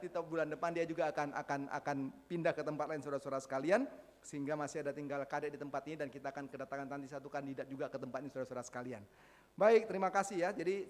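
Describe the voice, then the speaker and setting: A man giving church announcements to his congregation, an animated storyteller who keeps addressing them directly. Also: a little high. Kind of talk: church announcements with a told anecdote. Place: church hall. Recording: long hall reverb.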